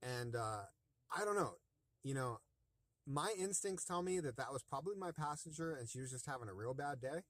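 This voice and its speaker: Brief: man, rideshare driver venting on a phone call, bright, dry close sound. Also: mid-range voice, animated, moderate pace, dry recording. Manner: rambling, talks it through with many fillers. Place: in his car, also the vlog setting.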